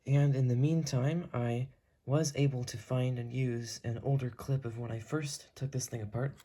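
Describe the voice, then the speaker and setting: Steady and warm, with a medium pitch and normal speed, this cleaning-video host gives a casual how-to narration, talking through the steps as he works with his hands.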